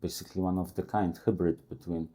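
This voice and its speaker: A man in his forties from Poland with a Polish accent, speaking halting non-native English as a guest in a casual interview. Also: low-pitched, little pitch movement, mellow. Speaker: guest tattoo artist. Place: tattoo shop.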